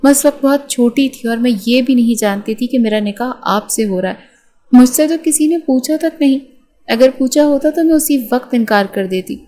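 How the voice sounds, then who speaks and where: A woman's voice: high voice, mellow, pitched above the performer's own voice, natural voice. A woman voicing a frightened young student bride in an audiobook, pleading and tearful. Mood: defiant. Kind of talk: audiobook character reading.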